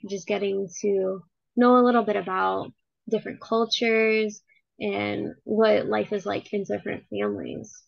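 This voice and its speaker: A young adult woman interviews a family member for a class project, friendly and encouraging, with lots of "like" fillers. Her medium-pitched voice has vocal fry, and the lo-fi recording sounds slightly dull with no room sound.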